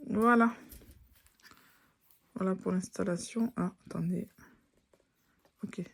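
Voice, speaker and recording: A woman's voice: medium pitch, steady tone, slow pace, gravelly, breathy edge. A woman doing a casual product review, thinking aloud and often restarting her sentences. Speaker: tech reviewer.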